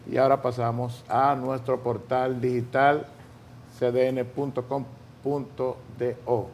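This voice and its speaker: Male news co-host, Dominican Caribbean Spanish, relaxed mellow tone, halting conversational delivery, faint background noise. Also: medium pitch. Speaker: morning news show co-host. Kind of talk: conversational news presenting and commentary.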